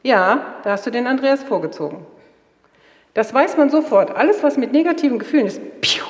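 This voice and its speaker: A woman's voice: a little high, fairly quick. Middle-aged woman telling stories in a roomy hall. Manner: lively storyteller, acts out quoted dialogue. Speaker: speaker sharing marriage stories. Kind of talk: storytelling talk to an audience. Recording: roomy hall with long reverb.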